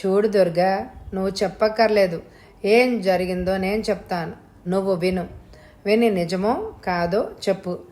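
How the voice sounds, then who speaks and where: A woman's voice: medium pitch, moderate pace, a little mellow, natural voice. Woman voicing a leering villainous uncle. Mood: taunting. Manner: taunting, domineering. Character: lecherous middle-aged male uncle, mocking villain.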